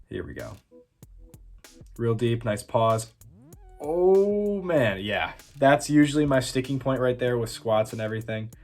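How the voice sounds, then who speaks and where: A man's voice: on the low side, a little mellow. A young man giving casual, self-teasing voice-over commentary on his own workout footage, with many fillers. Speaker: fitness vlogger.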